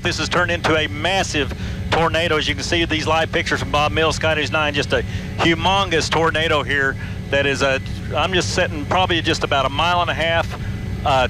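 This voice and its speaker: A man reporting live from a news helicopter, urgent and emphatic, repeating himself as he describes what he sees. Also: on the high side. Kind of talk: live aerial breaking-news commentary. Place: aboard a news helicopter in flight. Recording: loud aircraft engine noise.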